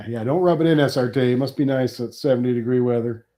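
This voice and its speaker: A middle-aged man from Nebraska, USA, hosts a livestream while sniffly with a cold, rambling and wryly complaining about taxes to his viewers. His voice is medium-pitched and warm, and he talks fast.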